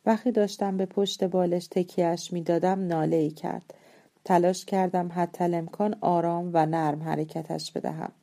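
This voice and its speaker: A woman reading a novel aloud as an audiobook narrator, calm and measured. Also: fairly low pitch. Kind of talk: scripted story narration.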